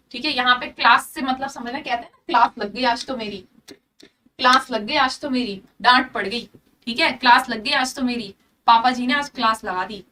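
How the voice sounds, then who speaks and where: A woman teaching vocabulary for exams, her voice high and bright. She drills every word several times, ties meanings to small made-up stories, and keeps asking whether it is clear. Her voice comes from a bit away from the microphone. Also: recorded from a distance. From India. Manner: explains through memory tricks and little stories. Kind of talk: online exam-prep lesson.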